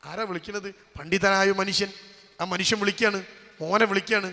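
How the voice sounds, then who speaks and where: Male preacher, high bright voice, dramatic loud-soft sermon delivery, long hall reverb. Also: steady tone, a little fast. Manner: dramatic, swinging from loud calls to hushed asides; rhetorical questions to the audience. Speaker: Islamic preacher and college lecturer.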